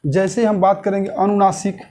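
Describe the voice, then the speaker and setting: His voice sits high with little pitch movement and a darkish tone as he leads an online grammar lesson. He questions the class, answers for them, and goes over key terms slowly.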